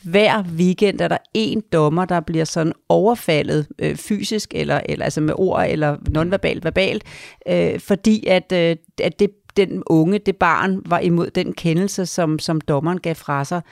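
A woman's voice: on the low side, creaky, darkish tone, no room sound. Practical advice-giving woman, dry sound. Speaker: podcast co-host giving advice. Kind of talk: casual chat.

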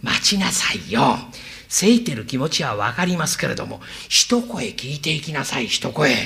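Guy doing a chatty show-off from old edo, bright lively voice. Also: moderate pace, gravelly. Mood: boastful. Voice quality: fawning and boastful, swings in pitch. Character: chatty, boastful male hanger-on who mimics voices. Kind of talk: rakugo storytelling.

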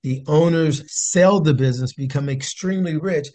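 A man's voice: on the high side, normal speed, mellow. A man hosting a talk show, asking questions in an enthusiastic, encouraging way. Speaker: show host. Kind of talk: casual interview talk.

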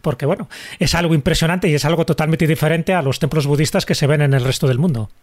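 A man's voice: fairly high pitch, fast. A man hosting an interview, asking long, leading questions that he ends with tag questions. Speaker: host.

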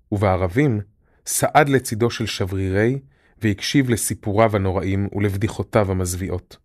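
Low-voiced man reading a fairy tale. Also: no echo, studio quality. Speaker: narrator. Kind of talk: audiobook narration.

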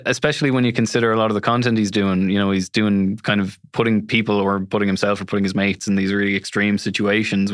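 A man's voice: on the low side, dry recording, clean studio sound. A man with a west of Ireland accent, explaining things conversationally as an interview guest. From Galway City, west of Ireland.

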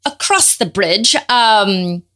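Excitable woman podcast host. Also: medium pitch, slow pace. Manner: loose, excitable, laughs easily. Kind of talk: casual interview chat.

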